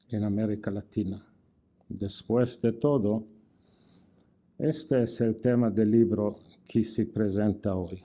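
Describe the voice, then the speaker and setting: In a formal lecture spiced with dry humor and wry asides, an older guest lecturer uses careful non-native Spanish marked by an Italian-tinged accent, sometimes restarting words. His voice sits on the low side and sounds mellow.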